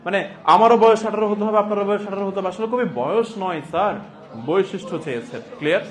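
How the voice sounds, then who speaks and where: High-pitched man teaching, emphatic and deliberate. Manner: repeats phrases slowly and deliberately for note-taking; emphatic, question-and-answer prompting of students. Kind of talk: classroom lecture with dictation.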